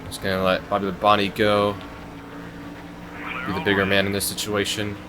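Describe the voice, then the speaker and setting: A young man hosting a gaming channel, giving casual, chatty gameplay commentary that rambles with fillers and turns excitable. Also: fairly low pitch, normal speed, background noise. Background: game music.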